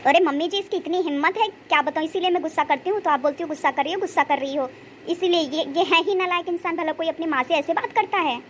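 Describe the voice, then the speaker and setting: A woman's voice: very high-pitched, fast, fairly bright tone, a little hiss or hum. Woman voicing a fiery devoted daughter-in-law. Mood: protective. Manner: protective, scolds and soothes. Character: young devoted daughter-in-law, quick to anger at husband. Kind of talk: cartoon storytelling dialogue.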